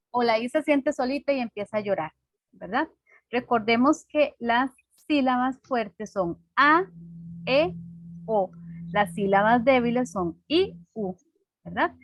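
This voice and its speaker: A woman teacher with a slightly high voice explains a lesson simply and patiently. She keeps checking in with her class by asking frequent rhetorical questions.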